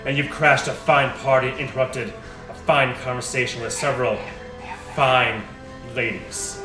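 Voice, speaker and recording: A man voicing a proud old noble warrior, strong, loud and haughty, declaiming in a tabletop game. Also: medium pitch, fairly even intonation, measured pace, pitched above the performer's own voice, natural voice. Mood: defiant, scornful. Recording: roomy, distant mic, music playing.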